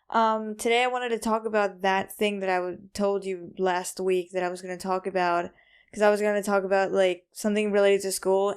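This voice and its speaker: A woman's voice: mid-range voice, clean tone. A woman hosting a solo podcast in a casual, rambling, informal way, sounding a little tired. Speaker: podcast host.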